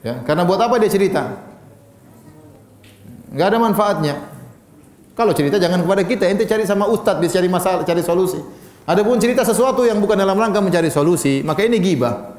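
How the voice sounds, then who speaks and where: Guy preaching to a crowd, kinda high voice, chatty and jokey, echoey hall. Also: fast talker, pauses often, darkish tone. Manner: conversational, joking asides. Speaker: Islamic preacher. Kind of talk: sermon with audience questions.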